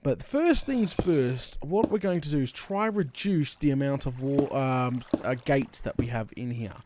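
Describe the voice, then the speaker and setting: An Australian man hosting a gaming video in casual commentary, rambling and thinking out loud in colloquial speech. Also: medium pitch, animated, measured pace. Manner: rambling, thinking aloud, with mild colloquial swearing. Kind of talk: casual Let's Play commentary. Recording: clear background noise, game clicks and water.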